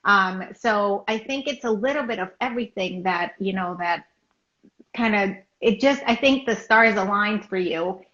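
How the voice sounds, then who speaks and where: A woman's voice: medium pitch, normal speed, fairly bright tone. A woman interviewer asking questions in a casual live-streamed chat, encouraging and loose, with many fillers. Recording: roomy, dull live-stream audio.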